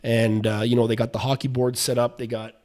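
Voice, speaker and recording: A male podcast host in casual sports chat, with a voice of ordinary middle pitch. He rambles loosely and drifts from one topic to the next. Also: little pitch movement, fairly quick, a little mellow.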